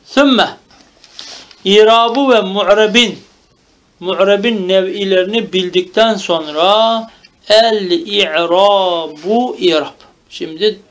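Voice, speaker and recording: A man teaches a grammar lesson in a high, light voice. He asks his own questions and answers them, going over each term again and again. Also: a bit bright. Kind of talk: lecture.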